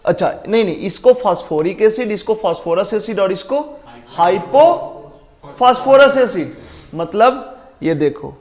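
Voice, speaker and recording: A man's voice: high voice, lively intonation, a little slow, darkish tone. A man teaching a chemistry lesson who explains step by step, quizzes his students and thinks aloud as he recalls names. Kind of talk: classroom lecture.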